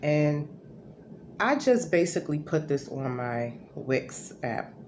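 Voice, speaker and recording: A woman's voice: deep voice, sing-song, slow, a little mellow. A woman vlogging from her home, talking in a casual, rambling way and correcting herself as she goes. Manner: rambling, self-correcting, conversational. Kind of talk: casual talking-to-camera monologue. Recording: noisy home recording.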